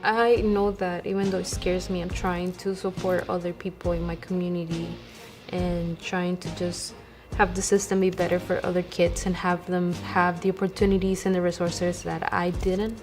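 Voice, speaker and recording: A young woman from Honduras speaks in a soft, reflective way, her voice a little low. Clear music plays underneath as in a tribute video. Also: level tone, normal speed. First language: Spanish. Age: young adult. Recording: music bed behind voice.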